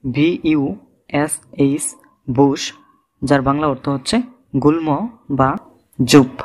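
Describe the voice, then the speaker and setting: A man's voice: medium pitch, little pitch movement, slow. A man with a Bangladeshi Bengali accent teaching English reading, spelling out words letter by letter and giving their meanings. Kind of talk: slow instructional lesson.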